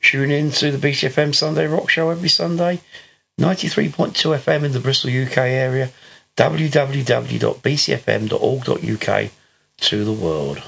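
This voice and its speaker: A man's voice: medium pitch, normal speed, gravelly, fairly bright tone, breathy edge. A man with a London English accent, chatting casually as a podcast co-host with dry, jokey remarks. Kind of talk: casual chat. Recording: slightly dull lo-fi sound.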